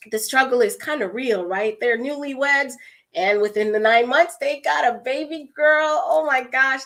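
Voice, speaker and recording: A woman from Guyana with a Guyanese accent, giving an expressive, conversational motivational talk and calling her listeners her friends. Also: fairly high pitch. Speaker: motivational speaker.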